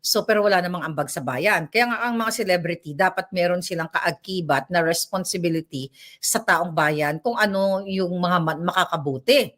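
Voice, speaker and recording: A woman doing a casual ranting commentary vlog. She is animated, keeps seeking agreement from her viewers and laughs between remarks. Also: lowish voice, moderate pace. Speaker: commentary vlogger.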